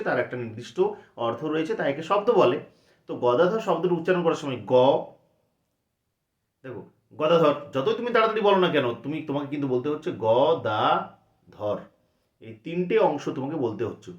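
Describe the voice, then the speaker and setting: A man teaching a lesson in a fairly high voice. He repeats sounds again and again and asks himself questions. The room gives a clear echo. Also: highs cut off. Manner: repeats sounds slowly, asks and answers his own questions. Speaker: English teacher. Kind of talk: classroom lesson. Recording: roomy echo.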